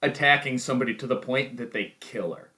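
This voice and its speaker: A man's voice: mid-range voice, fairly quick, pushed and bright. A man co-hosting a podcast in casual chat, joking and laughing easily. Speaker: podcast co-host.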